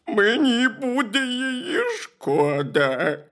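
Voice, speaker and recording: A storyteller voicing a gentle bear cub who weeps over the passing of autumn. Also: mid-range voice, expressive, full character voice. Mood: sobbing. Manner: slow, drawn-out, sobbing. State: weeping. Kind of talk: storybook reading.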